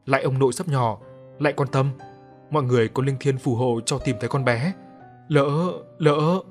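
A man's voice: medium pitch, fairly even intonation, fairly quick, faint music behind, lightly acted. Man voicing a grieving old grandmother's prayer. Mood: pleading. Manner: pleading, choked.

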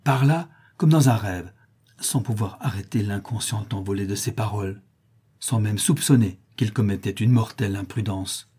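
A man voicing an old Mexican nurse woman, speaking gently and persistently. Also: lowish voice, normal speed, slightly rough. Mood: earnest.

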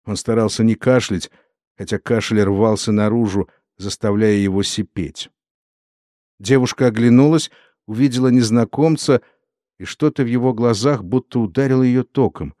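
A man narrating a literary novel in a steady, solemn storytelling manner. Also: medium pitch, moderate pace, dry recording, clean studio sound. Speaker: audiobook narrator.

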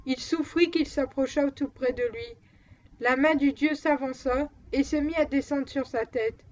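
A woman narrating a novel aloud as an audiobook, in an even, measured manner, on a dull lo-fi recording. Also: high voice. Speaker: audiobook reader.

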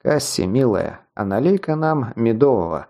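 A man voicing a calm, quietly menacing male mentor in an audiobook, talking in a soft, sugary-sweet, unhurried way. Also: medium pitch, vocal fry, highs cut off. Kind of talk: audiobook character voice.

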